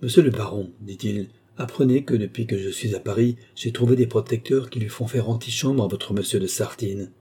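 A man's voice: lowish voice, a little fast, hardly any pauses, dark tone, husky. A man voicing a proud, stoic young commoner who answers with defiance in an audiobook reading. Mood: defiant.

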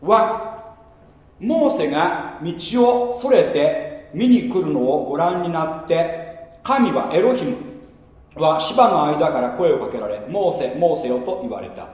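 Speaking slowly, this male pastor gives a sermon in a fairly high, animated voice that rises sharply and then drops. He mixes casual asides with repeated rhetorical questions for the congregation, while a large hall adds a long, echoing reverb.

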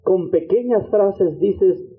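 A high-pitched man delivers a fervent sermon, his voice rising and sinking as he leads repeated prayers. The sound is thin and tinny, like a phone line. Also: takes it slowly. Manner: fervent preaching, repeated invocations, swings between low and high pitch. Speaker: missionary preacher.

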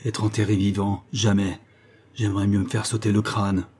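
A man's voice: level tone, normal speed, a little mellow, slightly rough. A man playing a brutish scared prison guard. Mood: despairing. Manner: low and strained. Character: brutish male prison guard, anxious and panicky.

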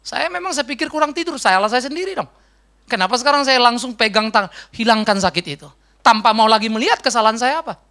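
A middle-aged man preaching a sermon as a pastor, in a conversational, animated way. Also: very high voice, fast. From Indonesia. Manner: conversational, animated storytelling with mimicked voices.

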